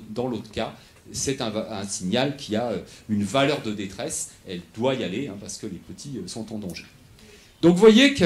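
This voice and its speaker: A man's voice: mid-range voice, slight background noise. A man giving a lecture, explaining step by step, often restarting and checking in with the audience. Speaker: researcher giving a lecture on animal acoustics.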